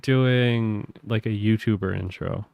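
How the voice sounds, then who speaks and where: A man's voice: on the low side, steady tone, slow pace, gravelly, lo-fi sound. A man co-hosting a podcast in casual chat, blunt and teasing, swearing casually. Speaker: podcast co-host.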